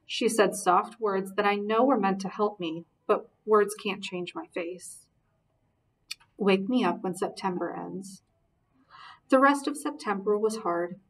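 A woman reading a novel aloud in a steady, earnest narration, recorded a little distant from the mic. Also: mid-range voice. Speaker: reader. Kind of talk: audiobook narration.

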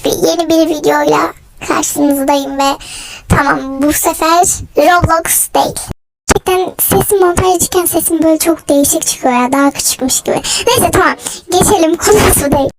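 A young woman giving loud, excitable gameplay commentary, shouting mock threats at an in-game character. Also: sits high, moderate pace, vocal fry, noisy background. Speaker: gaming YouTuber.

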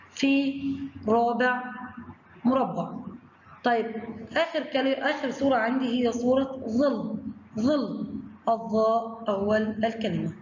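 A woman's voice: on the high side, a little mellow. A woman with an Egyptian Arabic accent teaching young children a phonics lesson, talking to them directly and stretching out syllables. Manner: slow drawn-out syllables, addresses children directly. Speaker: primary school teacher. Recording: echoey room, dull lo-fi sound, faint noise.

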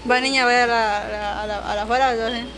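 A woman, joking loudly with friends while shopping. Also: on the high side, fairly even intonation, fast, a loud crowd. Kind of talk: casual chat. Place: indoor variety store.

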